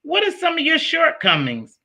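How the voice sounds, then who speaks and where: An interview host chats away, telling stories and asking questions in a casual manner. His voice is very high and creaky with a sharp tone, and his pitch swoops wildly while he keeps a moderate pace.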